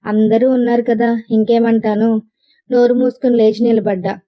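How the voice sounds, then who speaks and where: Woman narrating a story, slightly high. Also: level tone, moderate pace, highs cut off. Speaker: audio novel narrator. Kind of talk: first-person story narration.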